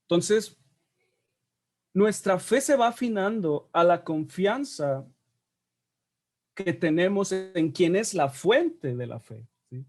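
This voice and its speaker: This high-pitched, slightly mellow male voice belongs to someone teaching a Bible study. He talks to the group casually and often tacks on tag questions to make sure they're following.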